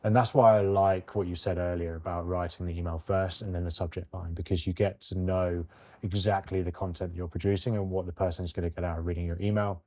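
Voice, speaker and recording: Brief: male podcast co-host, deep mellow voice, chatty, keeps checking in with "right?". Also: steady tone, fast. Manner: chatty, often tags sentences with "right?". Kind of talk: casual podcast chat.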